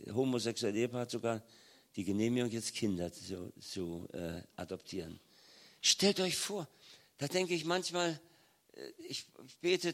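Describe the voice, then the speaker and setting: An older man giving a sermon in a natural, mid-pitched voice. He tells his story with feeling, swelling loud on key points and sinking quiet for tender moments. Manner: emotional storytelling, acts out pleading children softly. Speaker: preacher. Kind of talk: sermon testimony.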